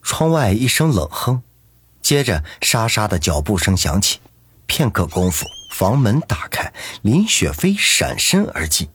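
A man narrating an audiobook in a lively, dramatic storytelling manner. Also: lowish voice, unhurried, slightly rough, no echo.

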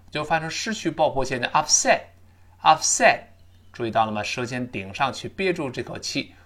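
A man teaching an English lesson, drilling pronunciation with slow, emphatic repetitions. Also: medium pitch, pushed and bright.

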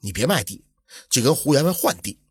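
A man voicing a shrewd, upright village man in a folk tale, speaking calmly and reasoning things through in a low, husky voice. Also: a little fast, no room sound, clean studio sound. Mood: advising.

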